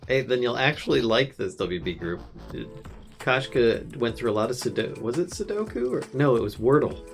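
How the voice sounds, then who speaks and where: Gravelly guy on a game stream, lively up-and-down voice, faint music behind. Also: mid-range voice, normal speed. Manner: playful teasing, laughs often, thinks aloud. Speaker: streamer playing a modded game. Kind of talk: casual live-stream chat.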